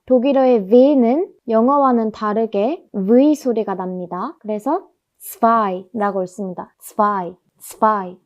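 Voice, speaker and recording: A woman teaching German pronunciation, explaining patiently and drilling each word slowly through repetition. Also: on the high side, dull audio. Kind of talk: explanatory language lesson.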